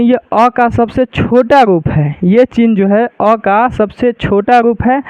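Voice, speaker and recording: A man's voice: high voice, no echo. A man teaching an online lesson on reading Sanskrit, patient and repetitive, often checking whether viewers understood. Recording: dry, phone-like narrow sound.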